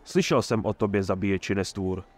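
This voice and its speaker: A man's voice: fairly low pitch, a little mellow, close to an everyday voice. A man doing a smug menacing swordsman. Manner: mocking, smug and threatening.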